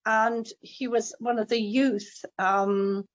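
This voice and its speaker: A woman's voice: a little high, fairly even intonation, takes it slowly. A middle-aged woman giving a casual, anecdotal testimonial as a host, chatty and digressive. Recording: muffled lo-fi call audio.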